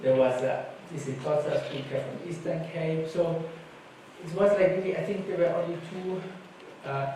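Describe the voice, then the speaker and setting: At normal speed and with fairly even intonation, a dark-toned man whose voice runs on the high side relates informal anecdotes. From Germany and a native German speaker, he's a panelist at a conference talk. The echoey conference hall recording uses a distant mic and has faint noise.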